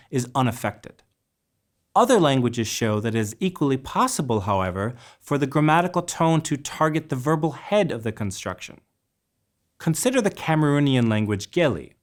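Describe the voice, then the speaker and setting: A man narrating a scripted linguistics lesson, carefully pronouncing example words in a measured way. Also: mid-range voice. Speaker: lecturer.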